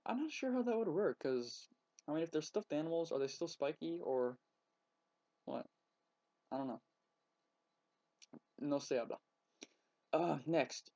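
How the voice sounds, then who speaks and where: A teenage boy vlogging casually at home into his laptop, rambling and halting with lots of ums and likes. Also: on the high side, mellow. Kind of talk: casual webcam vlog. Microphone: laptop webcam mic. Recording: muffled lo-fi laptop audio.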